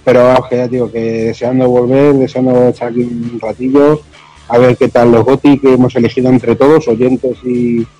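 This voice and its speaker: Mellow, dry-sounding Spanish man chatting. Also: mid-range voice, level tone, normal speed, no echo, soft background music, rough recording. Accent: Spain. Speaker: podcast panelist. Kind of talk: casual chat.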